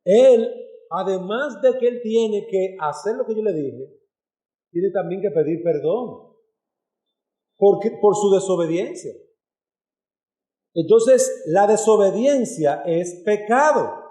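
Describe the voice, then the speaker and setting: A man's voice: sits high, takes it slowly, pauses often, dark tone, echoey room. A man preaching a sermon as pastor, earnest and direct, speaking to his congregation as brothers and sisters. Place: church hall.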